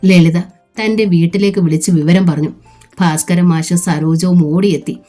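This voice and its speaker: A woman narrates a serial novel in a steady, measured way. Her voice is low-pitched and mellow, and faint background music sits under the reading.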